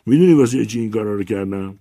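A man voicing an indignant older male writer who complains loudly and insistently. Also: fairly low pitch, expressive, dry recording, clean studio sound, voice pushed up. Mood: aggrieved.

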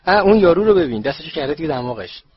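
An excitable teenage boy wizard blurts out loud remarks, as a man reads him. The storybook recording sounds muffled and lo-fi. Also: a little high, breathy edge, pitched above the performer's own voice. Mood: excited.

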